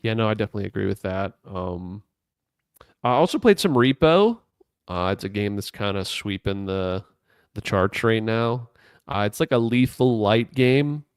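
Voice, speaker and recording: A man co-hosting a casual gaming podcast, rambling in a relaxed way with lots of fillers. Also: fairly low pitch, normal speed, smooth, dry recording, studio quality. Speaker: podcast co-host.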